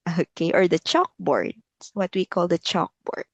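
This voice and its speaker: A woman's voice: on the low side, moderate pace, gravelly, husky, no echo, muffled recording. A woman teaching simple words to a young child as if talking to a toddler, repeating short phrases encouragingly and often laughing. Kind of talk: slow, simple children's lesson with repetition.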